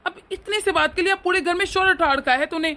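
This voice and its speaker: A woman voicing a grown son in a cartoon story who tries to calm his quarrelling mother, placating and mildly exasperated. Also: extremely high pitch, fairly quick. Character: grown son, peacemaking husband. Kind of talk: cartoon voice acting.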